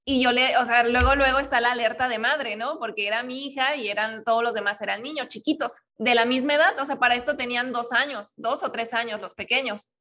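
Mom co-host, bright and fairly high, animated confessional telling. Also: female voice, fairly quick, hardly any pauses. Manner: emotional, animated storytelling. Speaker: co-host, mother. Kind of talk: personal story in casual chat.

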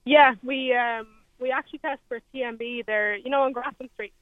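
A woman's voice: a little high, steady tone, normal speed, dry recording. An Irish woman chatting casually as a caller to a radio show over a muffled, narrow phone line. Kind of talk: casual chat. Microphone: phone call to radio.

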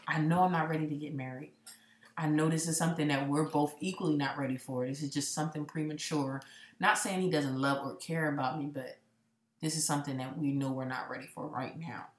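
Podcast co-host, woman, late twenties, deep voice, frank and thoughtful, roomy echo. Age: late 20s. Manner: candid, reflective, jokey. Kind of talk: casual chat.

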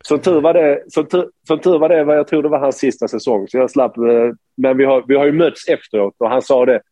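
A man from Sweden, a former hockey player, telling an animated anecdote with many restarts. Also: medium pitch, dry recording. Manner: animated storyteller, many restarts, quotes others.

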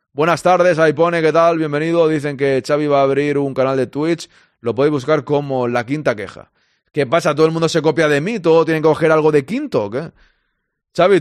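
A man's voice: on the high side, no room sound, studio quality. Chatty man hosting a football stream. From Spain. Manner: chatty, reads out and answers listener comments. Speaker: podcast host reading listener chat. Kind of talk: casual live-stream football chat.

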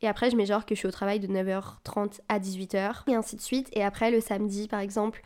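A young woman hosts her own podcast from home, talking into a desk mic on a boom arm in a mid-range, slightly mellow voice with a level tone and quick pace. It's a casual solo chat, loosely phrased and full of fillers and English buzzwords. She describes herself as anxious but sounds encouraging.

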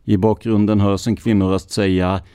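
A man hosting a true crime podcast, reading police records in a measured, scripted narration. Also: fairly low pitch, flat delivery, warm tone, clean tone, dry recording, clean studio sound. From Sweden.

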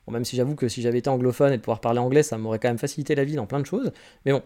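Speaking very fast in a mellow, mid-range voice with fairly even intonation, a French man in his forties hosts a casual podcast on his own. He responds to listener questions with rambling, candid advice and frequently starts his sentences over.

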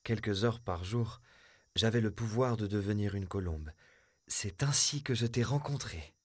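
Storybook prince, grateful, lowish and steady; a male actor. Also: measured pace, dry recording. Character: young prince freed from a spell, grateful.

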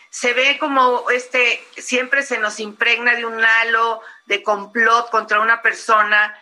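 Forceful Mexican woman, bright voice. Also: fairly high pitch, a little hiss or hum, poor audio. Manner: forceful and emphatic. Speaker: guest. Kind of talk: interview.

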